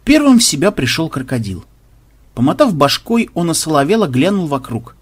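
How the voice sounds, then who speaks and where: A man reading an audiobook aloud with expressive, dramatic narration. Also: fairly high pitch, moderate pace, husky.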